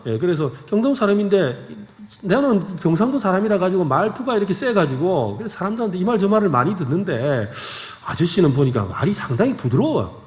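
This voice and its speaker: A man doing a blunt, middle-aged bicycle shop owner with a strong Gyeongsang accent, a lively, swooping voice with plenty of rise and fall. He sounds familiar and direct, and a long reverb of a church hall trails after each phrase. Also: high-pitched, pitched above the performer's own voice.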